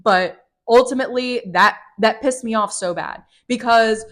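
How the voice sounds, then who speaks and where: A woman's voice: fairly high pitch, normal speed, a bit bright. A woman giving an emphatic, exasperated book review, swearing as she rants.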